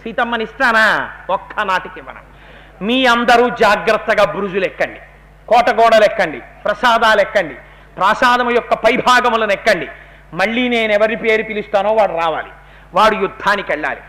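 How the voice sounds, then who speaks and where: A proud, defiant demon king, voiced by a man during a religious discourse, speaking in a high, bright voice. He boasts and commands in a storyteller's cadence. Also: expressive, fairly quick.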